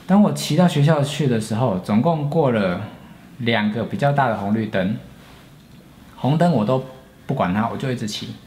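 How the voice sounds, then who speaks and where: A man's voice: medium pitch, animated, a little mellow, slight background noise. Earnest Taiwanese man telling a personal story. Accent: Taiwanese Mandarin. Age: 40s. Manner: earnest, reflective, with frequent pauses and restarts. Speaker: storyteller, channel host.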